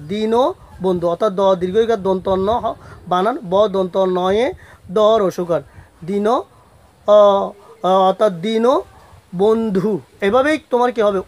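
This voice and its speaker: Man teaching a slow spelling lesson. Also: sits high. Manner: slow, repetitive, asks and answers own questions; spells out letters one by one. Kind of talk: spoken grammar lesson.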